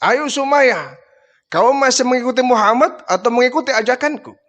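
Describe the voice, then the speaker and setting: A man's voice: very high-pitched, animated, normal speed, a bit bright, lo-fi sound, pitched above the performer's own voice. A man playing a cruel, arrogant male chief who boasts and threatens, within a storytelling sermon. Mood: threatening.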